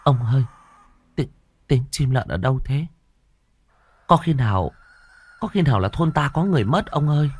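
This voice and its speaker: A man's voice: mid-range voice, sing-song, fairly quick, mellow, voice pushed up. A man voicing a frightened middle-aged mandarin's wife, speaking in a raised, anxious, pleading voice.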